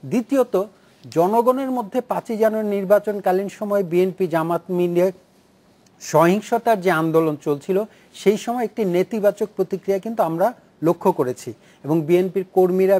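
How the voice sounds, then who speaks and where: A man speaking as a political analyst on a talk show, making deliberate, numbered points. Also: high-pitched, mellow. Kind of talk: measured studio commentary.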